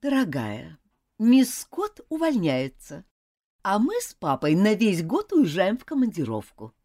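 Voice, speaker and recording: A woman's voice: mid-range voice, huge pitch swings, unhurried, warm tone. Firm, scolding storybook mother, as a woman reads her. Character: stern but loving mother.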